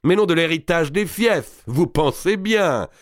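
A man reading an audiobook and voicing a boisterous, crude, scheming giant nobleman who talks loudly, mocks and laughs often. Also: on the high side, lively intonation, measured pace, no echo, studio quality, voice pushed up. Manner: loud, mocking, bawdy, with bursts of laughter. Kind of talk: audiobook reading of a historical novel.

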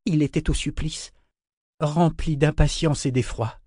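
A man reading a novel aloud in measured scripted narration. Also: a little high, steady tone, darkish tone, no echo, studio quality. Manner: measured, storytelling. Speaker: audiobook narrator.

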